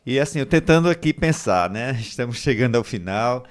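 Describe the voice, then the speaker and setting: A man's voice: mid-range voice, lively intonation, brisk. A man hosting a podcast, affirming his guest and wrapping up the conversation in casual chat. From Brazil. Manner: affirming, wraps up with filler "né". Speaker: podcast host.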